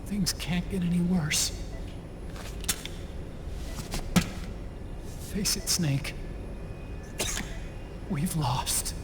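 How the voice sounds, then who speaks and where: A man's voice: high-pitched, lively intonation, normal speed, over music. A man playing an anxious, intellectual tech-expert sidekick in a video game. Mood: despairing, pleading. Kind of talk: video game cutscene dialogue.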